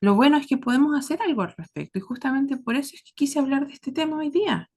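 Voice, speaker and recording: Here the host of a caregiving series, a southern Chilean woman with a Chilean accent, reflects aloud for her audience. Her voice sits high and a little mellow, and she talks earnestly and deliberately in brief, paused phrases.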